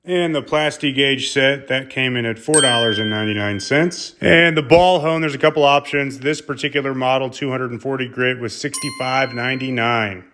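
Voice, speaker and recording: A man's voice: medium pitch, normal speed, few pauses, background noise. A man hosting a casual car-build vlog, talking in a plainspoken, matter-of-fact way and running through part costs. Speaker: car builder and channel host.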